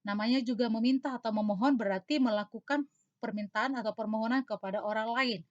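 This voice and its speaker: A woman teacher giving an online grammar lesson in a measured, explanatory way, counting points off in order. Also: a little high, no room sound. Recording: dry, dull lo-fi recording.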